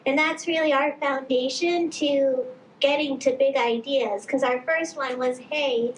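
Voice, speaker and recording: A woman's voice: sits high, fairly even intonation, unhurried, a little hiss or hum. A woman speaking as a panelist at a conference, upbeat and explanatory. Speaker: marketing panelist. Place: conference stage. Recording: echoey conference hall.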